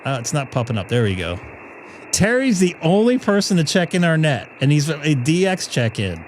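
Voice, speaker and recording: A man's voice: fairly high pitch, big pitch swings, normal speed, rough recording. Chatty man over radio room static. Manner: chatty and self-mocking, talking to himself on air. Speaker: ham radio net control operator. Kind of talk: casual live stream chat between radio calls. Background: radio static and ambient hiss.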